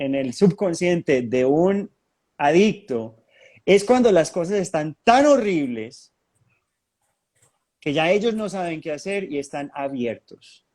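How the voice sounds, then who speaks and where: Animated man telling a spiritual story. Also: a little high. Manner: animated storytelling with frequent restarts. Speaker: spiritist talk speaker and hypnotherapist. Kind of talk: testimonial talk to an audience.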